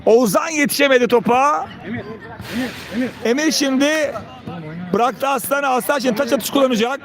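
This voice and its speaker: A man giving live play-by-play football commentary in short calls of players' names. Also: normal speed. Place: outdoors beside a football pitch. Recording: outdoor pitch with players and crowd behind.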